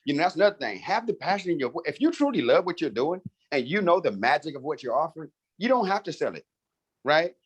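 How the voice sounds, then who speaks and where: A man leading a marketing team, talking in a fired-up, animated, straight-talking way in a casual chat on a video call. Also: on the high side, fast talker, slightly rough. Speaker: network marketing team leader.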